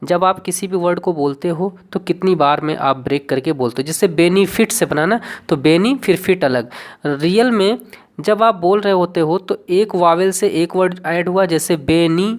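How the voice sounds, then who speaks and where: A woman with a fairly low voice teaching an online English class. She walks through grammar rules step by step, spells words out letter by letter and keeps checking that her students follow. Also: moderate pace. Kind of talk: online exam-prep lesson.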